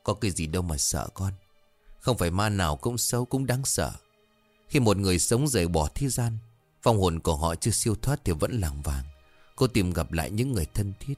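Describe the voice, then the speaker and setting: A man voicing a calm, wise old grandmother who reassures and explains gently. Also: sits low, a little fast, no echo, soft background music. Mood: soothing.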